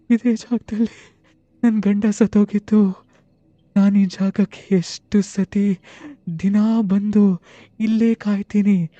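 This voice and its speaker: A man voicing a grieving female ghost who wails and pleads loudly in a horror story. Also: high voice, no room sound, muffled recording, voice pushed up. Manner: wailing, pleading, loud. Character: weeping ghost widow, female, grieving, eerie.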